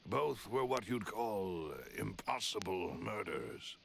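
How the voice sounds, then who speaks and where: A gravelly courtly nobleman. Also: lowish voice, expressive, slow pace, a little hiss or hum, exaggerated voice. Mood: formal. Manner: formal and courtly. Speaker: game character. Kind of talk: game voice acting.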